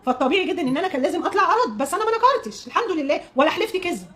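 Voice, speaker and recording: A woman's voice: extremely high pitch, sing-song, very fast, a bit bright. An Egyptian woman hosting a cooking channel, ranting defensively on a live stream into a phone, insistent and repeating herself. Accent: Egyptian Arabic. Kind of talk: heated live-stream rant.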